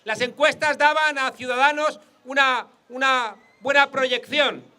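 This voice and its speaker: A man's voice: very high-pitched, fairly even intonation, measured pace, pushed and bright, clear, resonant tone. A man with a Spain Spanish accent giving a political rally speech outdoors, mixing jokes with rhetorical repetition. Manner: rhetorical, joke-telling, repeats for emphasis.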